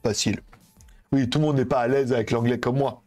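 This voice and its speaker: During a relaxed live stream, a male tech streamer handles devices while rambling and cracking jokes about phones and what he plans to do, with an occasional curse. He speaks briskly in a steady, medium-pitched voice with a darkish tone. Faint music plays behind him.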